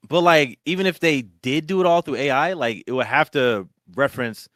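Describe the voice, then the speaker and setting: A man's voice: normal speed, dry recording. A man hosting a gaming podcast, talking casually with many fillers. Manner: rambling, full of filler words, lively pitch. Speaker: podcast host. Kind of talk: casual chat.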